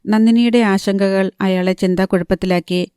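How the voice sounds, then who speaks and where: A woman narrating a novel with an even, measured reading on a close microphone. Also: medium pitch, smooth, no echo. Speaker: audiobook narrator.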